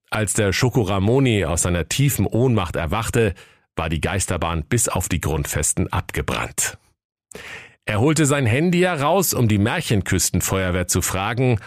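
Deep guy reading a silly fairy tale for kids, playful, dry studio sound. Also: no room sound. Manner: lively, playful storytelling. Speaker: storyteller. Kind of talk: scripted comic fairy-tale narration.

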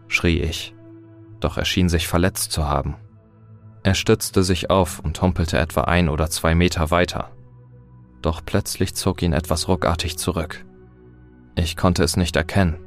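A man narrating a scripted horror story in a steady, dramatic reading. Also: low-pitched.

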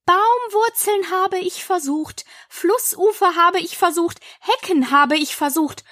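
A fretful mother pigeon, played by a woman reading a storybook, shrieks and scolds in a high, piercing voice. She sounds forever indignant and suspicious. The sound is close and dry. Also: slow, a bit bright, dry recording, heavily acted. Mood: lamenting. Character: shrill fretful female pigeon guarding eggs.

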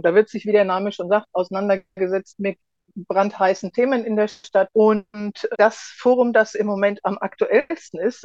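A woman's voice: medium pitch, no echo. A woman explaining her work as an association spokeswoman in a podcast interview, on a slightly lo-fi track.

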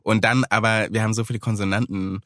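Man, from Germany, fairly low pitch, casual interview chat, switches into American-accented English phrases, very dry sound. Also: flat delivery, fast, fairly bright tone, dry recording. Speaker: guest singer.

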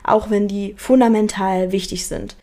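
A woman's voice: medium pitch, fairly even intonation, moderate pace, mellow. A young woman hosting a solo talk, speaking earnestly and reflectively, often restarting and repeating words. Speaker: podcast host.

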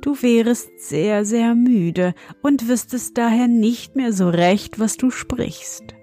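A woman voicing a gentle, motherly queen of sleep in a storybook, speaking softly and calmly. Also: medium pitch, a little slow, faint music behind, close to an everyday voice. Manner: soft, calm and warm scolding.

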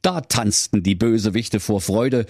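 A man's voice: lowish voice, a little slow, darkish tone, no room sound, studio quality. A man narrating a comic fairy tale in a mock-solemn storytelling manner. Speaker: podcast host and narrator.

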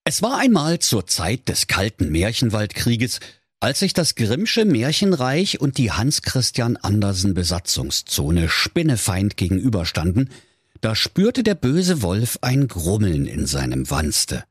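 A man with a Saxon accent narrates a comic fairy tale slowly and with very lively swings in pitch. His voice is lowish and husky. The studio sound is close and dry. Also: dry recording. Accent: Saxon German. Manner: slow, playful storytelling. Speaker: storyteller.

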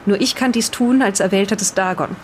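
Here a lightly acted, mid-range voice gives a solemn reading with slight background noise. It belongs to someone portraying an earnest, defensive islander in an improvised radio play, speaking with deliberate care as though reading aloud.

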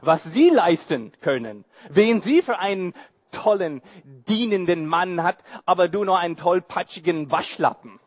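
Lively, slow-paced male preacher. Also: high voice. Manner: animated, mocking asides and rhetorical questions. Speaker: pastor. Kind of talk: sermon.

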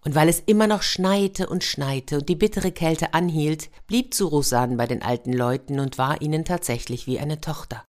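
A woman reads a fairy tale aloud in a lively, expressive storytelling manner. Her voice sits low. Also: normal speed, few pauses. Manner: warm, lively storytelling with sound effects.

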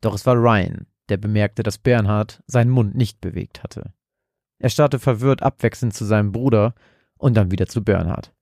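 Man, horror story narration, low voice, gravelly, dry close sound, measured dramatic reading. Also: a little mellow, no room sound.

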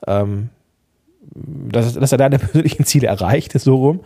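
A man hosting a podcast, giving chatty, encouraging advice straight to the listener and often checking in with a quick "ja?". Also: mid-range voice, gravelly, warm tone, slightly rough. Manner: chatty, encouraging, addresses listener directly with frequent "ja?". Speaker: podcast host and coach. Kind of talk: casual podcast advice monologue.

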